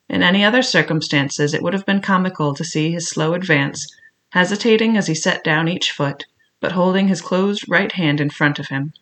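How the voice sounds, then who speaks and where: An audiobook reader narrating an adventure tale in a measured, plain way. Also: medium pitch, fairly bright tone. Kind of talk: storybook narration.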